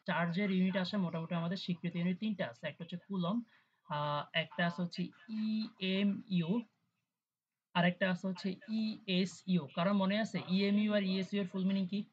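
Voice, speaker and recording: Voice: medium pitch, husky. A tutor gives an online class lecture over a video call. The tutor talks conversationally, keeps checking in with students, and mixes English terms into the explanations. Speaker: chemistry tutor. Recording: dull, lo-fi audio with faint hiss.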